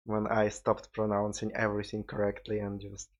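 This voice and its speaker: A man's voice: on the low side, completely flat delivery, moderate pace. A tired man with a Russian accent, hosting a solo podcast in a rambling, informal way with some swearing. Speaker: podcast host. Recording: dull lo-fi recording.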